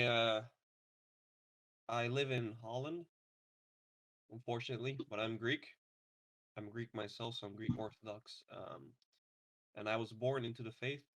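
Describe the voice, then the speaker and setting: A man in his twenties hosting a casual podcast, relaxed and hesitant with many ums. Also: medium pitch. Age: 20s. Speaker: podcast host. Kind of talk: casual chat.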